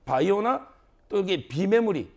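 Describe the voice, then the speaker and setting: A man's voice: high-pitched, lively intonation, a little slow, vocal fry. A male lawyer commenting on a TV news panel, explaining at length with many fillers and repeating key phrases.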